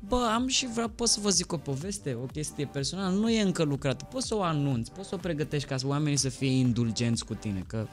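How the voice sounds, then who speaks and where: A man in his thirties, a radio host and comedian, giving relaxed advice in a casual studio chat. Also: a little high, few pauses, soft background music. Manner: relaxed, advising, trails off mid-sentence. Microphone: studio microphone on arm.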